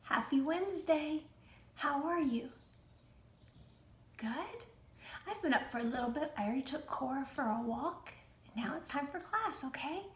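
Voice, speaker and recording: A woman's voice: high voice, animated, unhurried, long pauses, a bit bright. A woman teaching a remote class for young children at home, in a sing-song, encouraging teacher manner. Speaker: preschool teacher. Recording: echoey room with faint noise.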